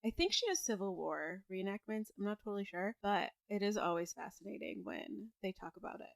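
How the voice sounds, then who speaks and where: A young woman co-hosting a podcast, chatting casually with quick reactions and some swearing. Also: medium pitch, animated, gravelly, dry recording. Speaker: podcast co-host.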